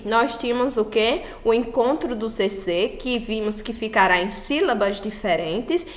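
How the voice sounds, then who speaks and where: A Brazilian woman teacher giving a recorded class, explaining slowly and patiently and often checking that students follow. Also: fairly high pitch. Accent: Brazilian Portuguese. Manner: slow, patient explaining with frequent checks for understanding. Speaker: school teacher.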